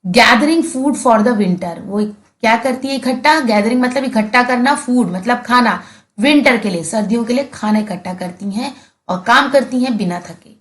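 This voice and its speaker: An Indian woman teacher, a Hindi speaker, explaining English textbook words slowly and patiently, repeating each key word. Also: a little high.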